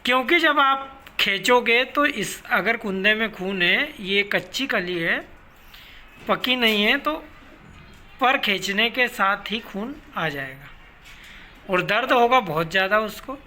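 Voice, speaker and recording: A man's voice: high voice, lively intonation, takes it slowly, bright, forceful tone, slight background noise. A man, a pigeon keeper, gives practical step-by-step advice in a casual instructional talk, often addressing listeners as brothers. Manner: practical, repeats "bhai", explains step by step.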